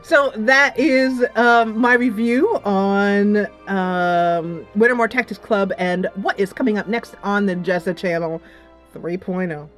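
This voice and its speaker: Speaking slowly in a medium-pitched voice, a gaming-channel host chats casually about a game review and an upcoming series. She rambles, now and then adding dramatic rhetorical flourishes, while music plays in the background.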